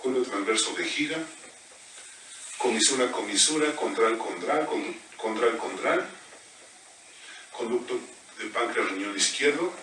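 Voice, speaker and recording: A man working as a biomagnetism therapist, reciting pairs of body points in a quick, steady murmur during a live scan. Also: mid-range voice. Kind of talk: rapid-fire live scanning recitation. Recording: echoey room, distant mic, background noise.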